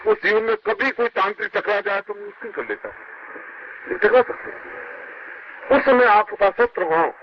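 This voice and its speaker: A man giving a sermon as a spiritual guru to his disciples, emphatic and swooping between high and low, heard from an old worn tape recording. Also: wildly swooping pitch, normal speed, creaky, pauses often. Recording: muffled hissy old tape.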